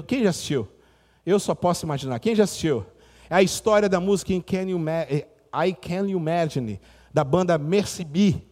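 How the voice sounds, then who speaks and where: A man from Brazil preaching a fiery sermon as pastor, calling out to the congregation for responses and shouts. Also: on the high side, big-room sound. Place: church sanctuary.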